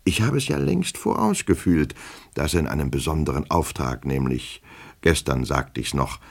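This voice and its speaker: A man's voice: extremely low pitch, sing-song, moderate pace, exaggerated voice. A man voicing a nervous, fawning official who stammers and pleads, in an audiobook reading. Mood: muttering. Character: nervous, fawning male official, anxious and flustered.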